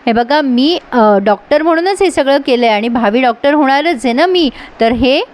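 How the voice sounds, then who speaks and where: A woman's voice: sits high, lively intonation, normal speed. A woman voicing a kind, earnest young female medical student in plain retold dialogue. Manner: plain conversational retelling of lines.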